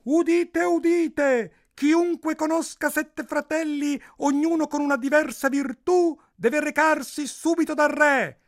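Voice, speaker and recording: Royal town crier played by a man, high, loud, proclaiming. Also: steady tone, measured pace, gravelly, hardly any pauses, full character voice.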